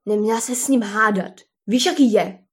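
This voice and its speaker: A woman doing a calm, sensible llama. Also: medium pitch, slightly rough. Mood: reasoning. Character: cautious sensible female llama. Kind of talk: storybook reading.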